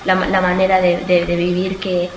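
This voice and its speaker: A young Australian woman whose first language is Spanish is interviewed as a student, speaking in a fairly low, very even voice. She halts and searches for words, often stopping to correct and rephrase herself. The room is echoey, with clear background noise.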